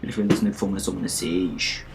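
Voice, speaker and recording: Speaking quickly in a deep, creaky voice with fairly even intonation, a let's play host from Switzerland chats over his gameplay. He has a Swiss German accent, pokes fun at his own mistakes, and talks both to himself and his audience.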